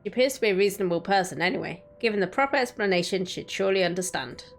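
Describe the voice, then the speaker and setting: With quiet music playing beneath her, a woman streamer dramatically narrates a story and breaks off for casual chat now and then. Her voice is medium in pitch, expressive, and racing.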